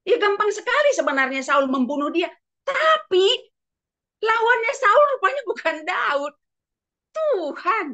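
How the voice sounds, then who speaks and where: A woman preacher telling a story in a sermon, animated and full of exclamations, in a dull lo-fi recording. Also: extremely high pitch, measured pace.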